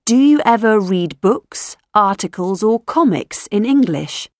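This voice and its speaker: A woman reading scripted questions for a language lesson recording, enunciating each one clearly. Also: medium pitch, animated, measured pace, dry recording, clean studio sound. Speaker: language textbook audio narrator.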